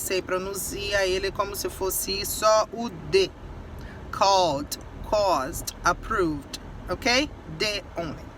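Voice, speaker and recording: Slow, bright-voiced woman teaching. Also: medium pitch, slight background noise. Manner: slow, repeats example words, laughs at own jokes. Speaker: English teacher. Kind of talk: casual spoken lesson.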